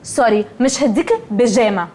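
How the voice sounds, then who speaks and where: A woman's voice: on the high side, brisk, darkish tone, lightly acted. An actress playing a snooty, snappish young woman in a TV comedy, with an Egyptian accent and a curt, haughty manner. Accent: Egyptian Arabic. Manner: curt, haughty, drops English words. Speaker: sitcom character. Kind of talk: TV comedy acting.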